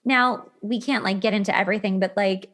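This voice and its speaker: A woman speaks fairly quickly in a mid-range, a bit bright voice with fairly even intonation, hosting a casual relationship advice podcast. She stresses points, repeats words and dramatizes imagined reactions in her anecdotes.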